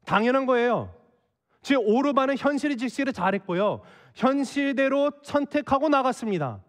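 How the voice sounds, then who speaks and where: A man's voice: very high-pitched, expressive, moderate pace, in a large hall. A man preaching a sermon as a pastor, acting out the characters' lines with emotion. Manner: acts out the Bible characters' dialogue with emotion. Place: church sanctuary.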